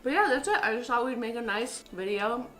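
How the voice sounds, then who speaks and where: A young woman from upstate New York hosting a casual home vlog, excitable and gushing, swearing freely as she chats. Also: fairly high pitch, a little fast. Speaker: channel host. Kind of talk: casual chat. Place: home kitchen. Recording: echoey room, faint music.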